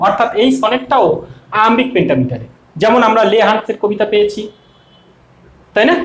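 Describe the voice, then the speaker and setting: Lively high-voiced Bengali teacher. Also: male voice. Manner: lively, sing-song, drawn-out recitation. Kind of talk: explaining a poem to students. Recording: echoey room.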